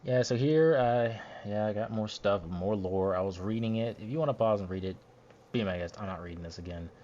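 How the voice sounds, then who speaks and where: A man's voice: on the low side, fairly quick, warm tone, muffled recording. A man narrating over his gameplay footage after the fact, grumbling and rambling in an annoyed way. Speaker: gameplay commentator. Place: home recording setup, voiced after the footage.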